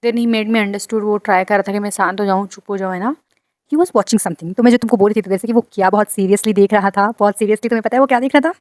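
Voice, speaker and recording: A woman telling a personal story in a casual, dramatic way. She sounds indignant and adds lively asides to her listeners. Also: mid-range voice, fast talker, no room sound.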